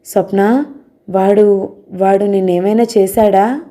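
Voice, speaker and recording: A woman's voice: mid-range voice, steady tone, slow, mellow, lightly acted. A woman voicing a weak, frightened older mother with heart trouble, who asks one anxious question after another.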